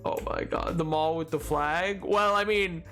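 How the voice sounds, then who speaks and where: A man chatting casually and excitably on a gaming livestream, joking and repeating his words. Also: on the high side, unhurried, soft background music. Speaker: game streamer.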